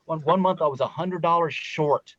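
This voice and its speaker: A man's voice: on the high side, moderate pace, fairly bright tone, no room sound, dull audio. A man hosting a podcast, a musician telling a personal story in an earnest, reflective way. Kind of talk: casual conversational storytelling.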